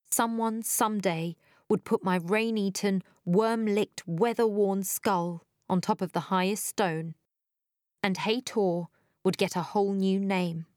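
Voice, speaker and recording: Woman, audiobook narration, unhurried, dry close sound. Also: medium pitch, dry recording. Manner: wry, breathless in tense moments. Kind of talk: first-person audiobook narration.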